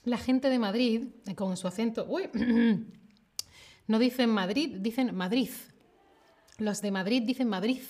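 A woman from the south of Spain with a southern Spanish accent, teaching a live online Spanish lesson, speaking clearly and repeating her clues. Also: a little high, a little mellow. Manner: slow, clear, repeats clues, laughs often.

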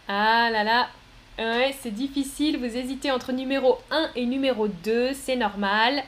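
Female pronunciation teacher on a live stream; unhurried, careful, repeats words clearly. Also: on the high side. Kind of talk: live-streamed language lesson.

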